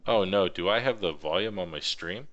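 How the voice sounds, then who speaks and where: A man streaming a video game, talking in a flat, monotone way and explaining each move as he plays at his home computer. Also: low voice, normal speed, highs cut off. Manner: explains his gameplay moves as he goes. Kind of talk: casual gaming stream chat.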